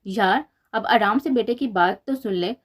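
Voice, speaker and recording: A woman's voice: mid-range voice, natural voice. A woman reading as a patient, soothing father. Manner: gentle, soothing. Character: middle-aged father, calm and patient.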